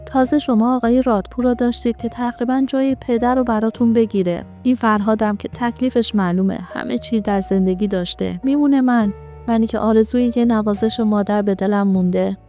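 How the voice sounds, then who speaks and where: A woman's voice: a little high, steady tone, warm tone, faint music behind, close to an everyday voice. A woman voicing a cheeky, joking young man in a spoken story, full of teasing banter. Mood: earnest.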